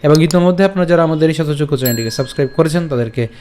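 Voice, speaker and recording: A man, patiently teaching verse pronunciation and chanting lines slowly syllable by syllable. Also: fairly high pitch, dark tone, a little hiss or hum. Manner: slow syllable-by-syllable chanting demonstrations; patient, repeats and checks understanding. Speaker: Gita recitation teacher. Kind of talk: pronunciation tutorial.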